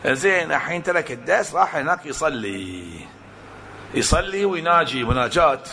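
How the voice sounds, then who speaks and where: Male preacher, somewhat high-pitched, animated storyteller with a sharp, bright tone. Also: normal speed, creaky. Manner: animated storytelling with acted-out quotes and rhetorical questions. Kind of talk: sermon to a congregation.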